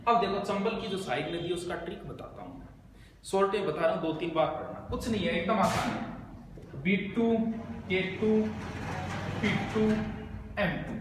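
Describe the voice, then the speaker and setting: Brisk male exam coach with a high voice, recorded in an echoey hall with long reverb. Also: over music. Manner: brisk, explanatory, repeats key points. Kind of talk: quick spoken geography lesson with memory tricks. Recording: very echoey, noisy room.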